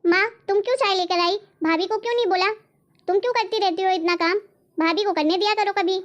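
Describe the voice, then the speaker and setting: A woman's voice: very high-pitched, steady tone, fairly quick, highs cut off. A woman voicing a domineering, nagging adult sister-in-law in a cartoon, talking in a harsh, sarcastic, scolding way. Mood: complaining. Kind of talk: animated cartoon voice acting.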